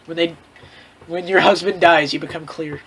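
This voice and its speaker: A man with a fairly high, creaky voice reads a story aloud at a normal speed and a steady tone, with crowd noise behind him. He's a host performing fan fiction in a casual, mock-dramatic way, often stopping to riff and comment.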